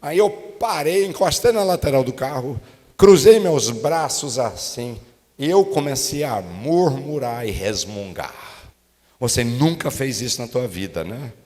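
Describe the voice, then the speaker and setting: A guest pastor from the United States tells a story in his sermon, animated and acting out his own grumbling. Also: medium pitch, a little slow. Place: church meeting hall. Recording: long hall reverb.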